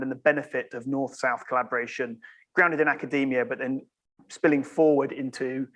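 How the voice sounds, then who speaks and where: A man moderating an online event, briskly introducing the next speaker over a video call. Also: mid-range voice, a bit bright.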